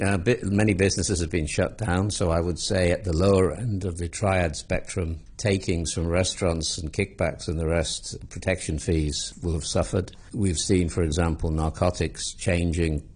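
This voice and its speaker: A man in his sixties from England, a former police commander, answering interview questions in a measured way with dry, understated humour. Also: deep voice, fairly even intonation, darkish tone, husky.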